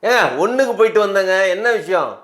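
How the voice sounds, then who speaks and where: A man being interviewed who talks back defensively and angrily, even threatening. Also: high voice, quick pace. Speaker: interview guest, party supporter. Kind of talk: heated interview.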